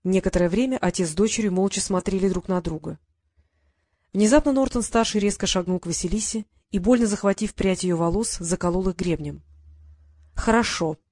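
A woman narrating a novel in an even, measured storytelling manner. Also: medium pitch, no room sound, studio quality. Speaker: audiobook narrator.

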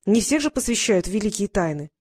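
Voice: mid-range voice, sing-song, quick pace, darkish tone. A reader voicing Nick, an earnest, dreamy boy who explains things eagerly.

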